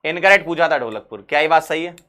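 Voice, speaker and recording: Talking fast, a chemistry teacher runs an exam-prep lesson with energy, repeating his main points and posing questions he then answers himself. His voice is male, bright, forceful, and a touch high.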